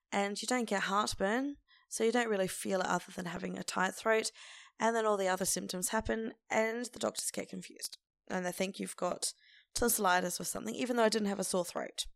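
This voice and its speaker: A woman hosting a casual solo podcast in an informal, conversational way, with a croaky, hoarse voice. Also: medium pitch, no echo, clean studio sound. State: lingering hoarseness after laryngitis. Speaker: podcast host.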